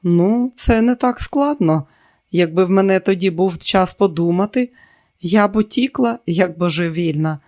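A man's voice: high-pitched, moderate pace, darkish tone, close to an everyday voice. A man voicing an independent young woman factory worker in an audiobook, speaking earnestly in a raised voice. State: sleepy.

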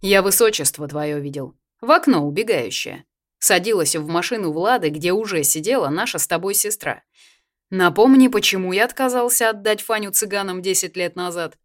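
A woman reading an audiobook, voicing a brash young man who teases his twin loudly. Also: mid-range voice, moderate pace, natural voice. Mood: teasing. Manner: loud, teasing, sing-song jabs.

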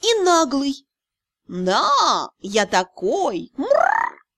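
A woman's voice: sits high, wildly swooping pitch, very slow, fairly bright tone, dry recording, full character voice. Woman voicing a smug drawling dragon-spirit cat. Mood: lazy smug. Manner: drawling, purring, teasing. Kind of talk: audiobook character voice.

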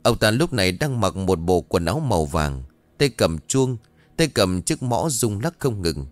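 A man with a low voice and a lively, rising and falling melody tells a ghost story. He builds suspense line by line, close to a dry microphone, with faint music under his voice. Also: moderate pace, no echo. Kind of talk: scripted horror story narration.

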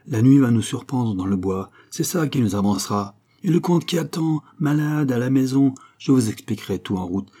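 A man's voice: on the low side, steady tone, moderate pace, warm tone, breathy edge. A man voicing a sour, imperious old male servant who speaks in curt, commanding orders. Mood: gruff.

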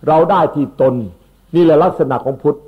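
A man, a monk, giving an unhurried Dhamma sermon that explains Pali terms and repeats his words. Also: a little high, steady tone, husky. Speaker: Buddhist monk. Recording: tinny phone-like recording.

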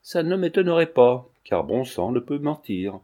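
A man's voice: mid-range voice, big pitch swings, normal speed, dark tone, natural voice. A man reading aloud, voicing a resentful elderly bourgeois man muttering an aside.

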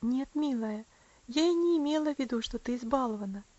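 A gentle young woman speaks with soothing tenderness, voiced by a woman reading the story. Her tone is high and affectionate. The recording is dull and dry. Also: lively intonation, fairly quick, dry recording. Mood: tender. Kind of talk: audiobook character voice.

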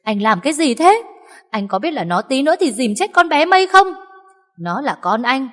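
A woman's voice: mid-range voice, very animated, brisk. A woman voicing a fierce, furious young wife in a reverberant recording. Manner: shouting angrily. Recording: long reverb.

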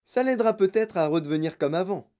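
An eccentric man runs his chocolate factory with theatrical, breezy flair, as a woman reading the storybook puts him on. The voice swings widely and stays mellow and soft-edged. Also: on the low side, lively intonation, fast talker, voice pushed up, lightly acted. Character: eccentric excitable male chocolate-factory owner. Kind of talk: audiobook reading.

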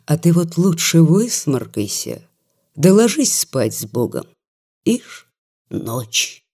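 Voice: mid-range voice, big pitch swings, takes it slowly, warm tone, full character voice. A reader doing a yawning, mocking merchant. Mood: drowsy mocking. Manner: yawning, drowsy and ironic. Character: sleepy, mocking male merchant.

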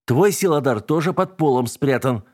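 A man's voice: medium pitch, expressive, normal speed, darkish tone, close to an everyday voice. A man voicing the witch's surly grown son, who snaps and curses. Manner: snapping, cursing.

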